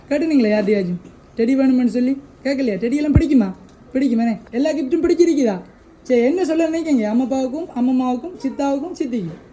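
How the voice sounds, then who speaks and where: Quick, high-pitched coaxing woman. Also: mellow, a little hiss or hum, poor audio. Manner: coaxing, repetitive questioning. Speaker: surprise delivery host. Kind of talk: coaxing a birthday child.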